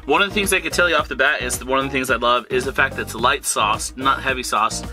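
A fast-talking man with a mid-range voice, in his thirties and from southern California, narrates his travel vlog casually over background music, rambling with lots of fillers. He records on a handheld camera at arm's length, outdoors as well as in a hotel room and a parked van.

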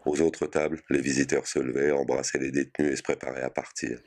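A man reading a short story aloud in a measured, sober way. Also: a bass voice, flat delivery, a little mellow. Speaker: reader.

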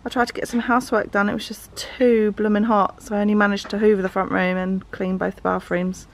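A woman in her thirties with an English accent talks a little fast at medium pitch, keeping her tone level. As a family vlogger she chats casually and warmly with her children around her home and garden, and the sound comes from a camera mic in noisy handheld recording.

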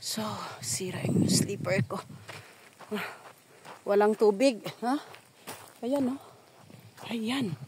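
A woman's voice: medium pitch, slow pace, pauses often. A woman vlogger chatting casually with her viewers as she walks around a dry farm. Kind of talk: casual vlog commentary. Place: outdoors on a dry rural farm. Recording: loud outdoor background noise.

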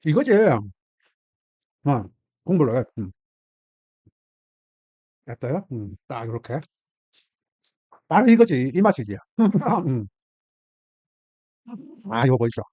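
His voice is mid-range and husky in this clip, recorded dry with a dull, lo-fi quality. A middle-aged man with a Gyeongsang Korean accent, he hosts a casual cooking vlog, chatting, exclaiming and laughing frequently with his viewers.

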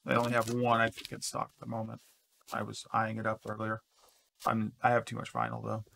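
A man's voice: fairly low pitch, fairly quick, gravelly, slight background noise. A man co-hosting a crafting channel, chatting casually while unboxing and naming colors as he sorts scraps in a craft room, picked up by a camera across the room. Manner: relaxed, names colors as he sorts.

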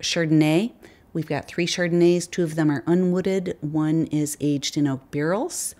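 A woman with a low voice, speaking a little slowly, answers sit-down interview questions about her winery from an indoor tasting room. As the winery's wine specialist, she sounds relaxed and conversational, with frequent fillers.

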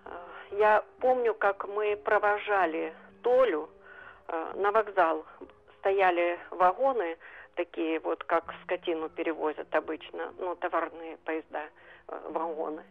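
A woman's voice: fairly low pitch, fairly even intonation, a little slow, gravelly. A woman in her seventies calls in to a radio program and tells her story earnestly and without hurry. She sounds like she is on a telephone, thin and narrow. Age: 70s. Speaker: radio caller. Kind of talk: phone-in recollection. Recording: phone line.

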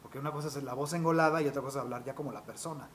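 A man, a voice actor telling stories from his career in an interview, animated and peppered with fillers. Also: mid-range voice, a little hiss or hum. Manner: animated, quick anecdotal storytelling with fillers like "este". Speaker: voice actor guest. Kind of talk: interview storytelling.

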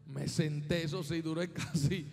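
A man from Colombia preaching a sermon as pastor, swinging from hushed asides to shouted, sung-out climaxes. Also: on the high side, creaky, long reverb tail.

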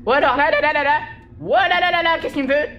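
A woman's voice: high voice, quick pace, fairly bright tone, highs cut off, a little hiss or hum. A woman commenting on a horror game as she plays, jumpy and exclamatory, often laughing through nervous reactions. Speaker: gaming video host.

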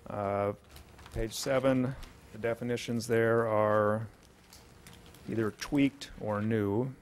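A middle-aged man, a city official, reading out changes to an ordinance at a podium microphone in a council chamber, in a measured, matter-of-fact way. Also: on the low side, fairly even intonation, a little hiss or hum.

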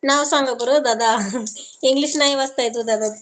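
A woman's voice: high-pitched, steady tone, moderate pace. A woman from Maharashtra chatting casually on a live stream, reading viewer comments aloud and answering each viewer affectionately.

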